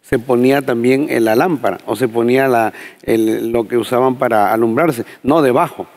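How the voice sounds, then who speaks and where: A pastor explains scripture at an ordinary mid pitch. He speaks in a measured, teaching manner, with frequent fillers and small restarts as he reaches for the right word. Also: darkish tone. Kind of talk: preaching in a panel discussion.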